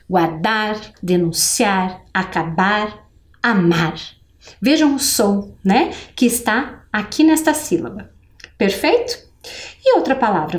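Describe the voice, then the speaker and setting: A woman teacher with a Brazilian Portuguese accent giving a patient televised literacy lesson, spelling out syllables slowly. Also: a little high, a little mellow. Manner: slow, patient, enunciating syllables.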